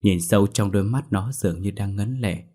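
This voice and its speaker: A man narrating a scripted horror story in a measured storytelling manner. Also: lowish voice, dark tone.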